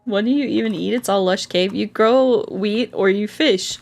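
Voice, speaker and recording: With a medium-pitched, slightly mellow voice and some vocal fry, a woman talks at a normal pace while streaming a game. She is playful and pokes fun at herself, reading viewer comments expressively as game music plays in the background.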